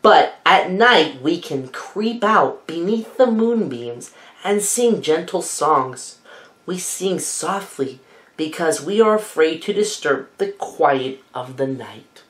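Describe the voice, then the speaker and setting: A woman voicing a group of timid nocturnal jungle creatures in a soft, hushed voice. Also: deep voice, lively intonation, takes it slowly, reverberant.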